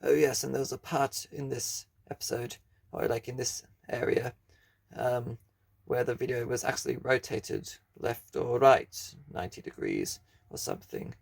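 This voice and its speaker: A man's voice: medium pitch, expressive, moderate pace, gravelly. A man giving rambling, self-mocking commentary over his own gameplay. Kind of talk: casual let's-play commentary.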